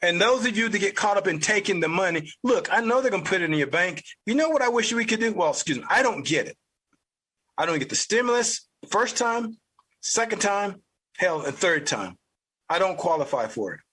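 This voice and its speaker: A man's voice: high-pitched, very animated, fairly quick, bright, forceful tone, husky. A man with a Southern US accent hosting an opinion podcast, talking in a blunt, profane, ranting way. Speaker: podcast host. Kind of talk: opinion commentary.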